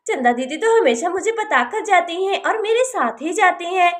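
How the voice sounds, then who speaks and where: A woman's voice: very high voice, animated, moderate pace. A woman voicing a kind, caring young village woman in a doll story, speaking politely and soothingly. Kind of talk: Hindi doll-story voice acting.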